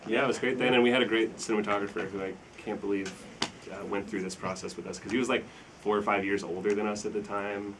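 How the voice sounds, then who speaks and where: A young man, a filmmaker, chatting casually in a Q&A after a screening, relaxed and rambling, laughing often. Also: fairly low pitch, quick pace, noisy background. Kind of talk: casual Q&A chat. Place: screening room with an audience.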